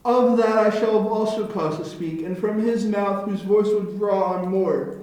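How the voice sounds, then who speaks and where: A grave and loyal nobleman in mourning played by a man in an amateur Shakespeare read-through. The voice is high for a man and rings in a very echoey room. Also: fairly even intonation, measured pace, darkish tone. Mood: solemn.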